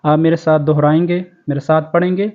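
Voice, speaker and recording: A Pakistani man teaching Quran recitation, his voice high and smoothly resonant. He chants each verse slowly and melodically, then explains the pronunciation rules in quick speech. The recording sounds dull and lo-fi. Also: flat delivery. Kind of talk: tajweed lesson, slow recitation and quick explanation.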